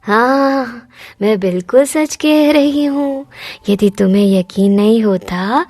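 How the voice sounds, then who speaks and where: Old cartoon village woman, slow and hushed, bargaining; woman voices her. High-ish, dry recording. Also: dry recording, faint music behind. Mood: secretive. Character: slow-talking old village woman selling hair oil. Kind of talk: cartoon dubbing.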